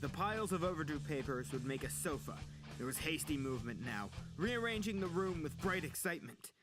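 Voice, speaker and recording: Expressive and a little fast, a man performs scripted narration of a dramatic story in a voice on the high side. Guitar music sits beneath his reading.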